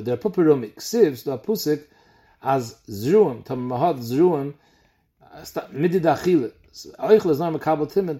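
A man's voice: fairly high pitch, mellow. A man with a Yiddish accent teaching a Talmud lesson in a chanting study cadence. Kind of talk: Talmud lesson explaining a page.

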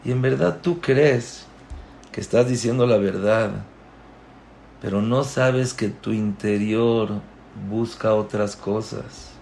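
A man, a religious teacher, giving a moralizing sermon and telling a story in a deliberate, storytelling way. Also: fairly low pitch, a little mellow, a little hiss or hum.

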